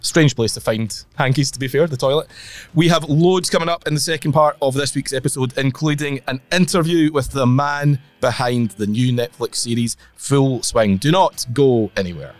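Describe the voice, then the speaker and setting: A man's voice: mid-range voice, normal speed, no echo, faint music behind. A Scottish man hosting a casual golf podcast, with a nasal voice from a blocked nose. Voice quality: nasal, congested. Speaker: podcast host.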